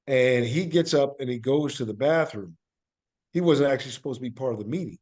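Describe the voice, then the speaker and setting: An actor and playwright appears as a podcast interview guest, telling stories conversationally. He speaks in deliberate, emphatic short phrases. His voice is medium-pitched with a darkish tone.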